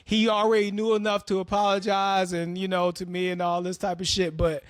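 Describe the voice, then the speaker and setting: A man's voice: high-pitched, little pitch movement, a little fast, clear, resonant tone, dry recording, clean studio sound. A man hosting an opinionated commentary monologue, talking bluntly and profanely as he tells stories. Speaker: host.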